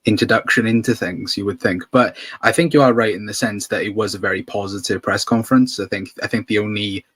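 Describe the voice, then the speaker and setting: A man speaks in a fairly low voice with very little room sound. He interviews casually, working his way through long, hesitant questions. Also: steady tone, brisk, a bit bright, breathy edge, no echo.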